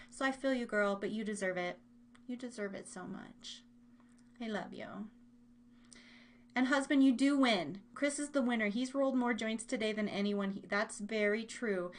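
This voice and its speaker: An American woman hosts a live online radio show and podcast, rambling along with her listeners in a bubbly, informal way. Her voice is high-pitched and her pace moderate.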